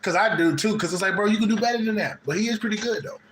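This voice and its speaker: Talking rapid-fire in a high, somewhat bright voice, a Midwestern American man who hosts a spiritual channel has a loose, casual chat with a live caller, full of laughter, heavy slang and frequent swearing. There's reverb and a little background noise.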